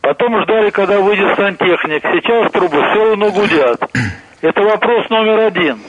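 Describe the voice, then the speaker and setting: A man's voice: high voice, lively intonation, normal speed, noisy background. A man calling in to a radio show over a phone line, asking polite but insistent questions about problems at home. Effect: heard over a phone line into the studio.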